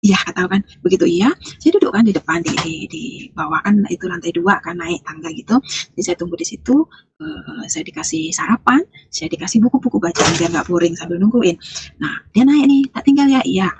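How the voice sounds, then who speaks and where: A woman's voice: mid-range voice, expressive, a little fast, background noise. A woman from Lampung, Indonesia, giving a conversational faith testimony as an interview guest. She rambles with fillers and restarts, and acts out both sides of the conversations she recalls. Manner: retells events by acting out both sides of the dialogue. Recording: dull, muffled lo-fi recording.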